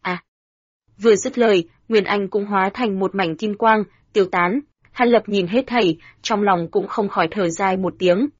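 A woman narrating a fantasy audiobook in a steady, even storytelling manner. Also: mid-range voice, moderate pace, breathy edge, no echo. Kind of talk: scripted narration. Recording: dull, dry lo-fi sound.

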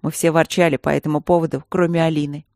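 A woman narrating a novel in the first person, with even, expressive storytelling. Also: deep voice, quick pace, no echo, studio quality. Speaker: audiobook narrator.

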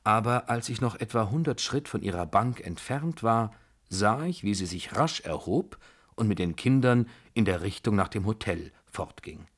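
Brief: male narrator, lower pitch, calm and measured storytelling from a novel. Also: husky.

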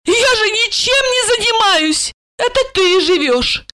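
A woman voicing a drunk, frightened woman who wails in a shrill, hysterical way, in a storybook reading. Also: animated, a little slow, bright, forceful tone, heavily acted.

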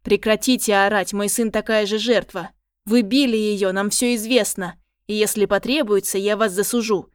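Woman reading a loud, indignant mum defending her son, forceful. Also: mid-range voice, steady tone, moderate pace, no echo, clean studio sound, lightly acted. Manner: shouting, threatening.

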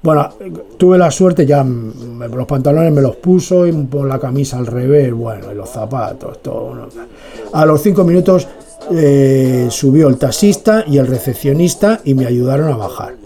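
A man's voice: medium pitch, animated, normal speed, warm tone. A man, hosting a radio show and telling a long personal story full of filler asides. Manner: digressive, lots of "tal y cual" filler asides. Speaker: radio host. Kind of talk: rambling personal anecdote on radio.

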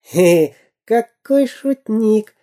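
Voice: mid-range voice, unhurried, warm tone, breathy edge, pitched above the performer's own voice. A storyteller voicing a sly, sniggering pirate sidekick in a storybook reading. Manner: sniggering, wheedling.

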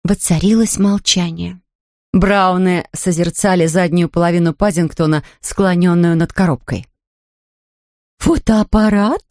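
Woman narrating a lively storybook. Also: lowish voice, moderate pace, no echo, clean studio sound. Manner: lively and expressive, voices the characters. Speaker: audiobook narrator.

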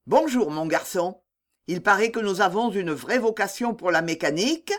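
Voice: mid-range voice, expressive, normal speed, natural voice. A reader voicing a curt, stern factory director. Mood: brisk. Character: stern cold older male factory director.

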